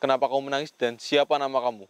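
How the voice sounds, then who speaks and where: This man runs a paranormal investigation vlog, earnestly addressing a spirit as well as his audience and saying "Mas" again and again. He speaks rapid-fire in a smooth, medium-pitched voice with a flat delivery.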